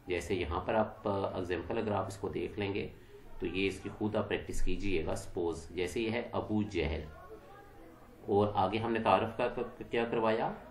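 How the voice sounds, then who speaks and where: A man's voice: on the low side, reverberant. A man teaching an exam-prep English lesson, mixing English terms into his explanations and asking and answering his own questions.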